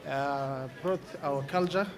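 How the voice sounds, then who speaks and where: A man's voice: medium pitch, slow. Man interviewed outdoors amid a crowd. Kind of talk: festival interview. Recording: outdoor crowd noise behind.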